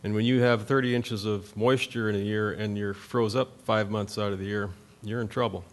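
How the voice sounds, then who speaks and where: A man's voice: lowish voice, steady tone, moderate pace. A middle-aged man from North Dakota, a farmer on a conference panel, talking in a plain, rambling way with many fillers. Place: conference meeting room at a podium.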